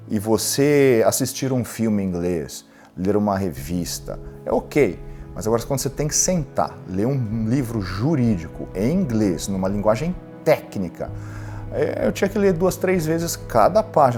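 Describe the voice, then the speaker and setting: A middle-aged man from Brazil, a lawyer and entrepreneur, tells his own story frankly in an interview and acts out what other people said to him. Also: on the low side. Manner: candid, animated, quotes others in dialogue.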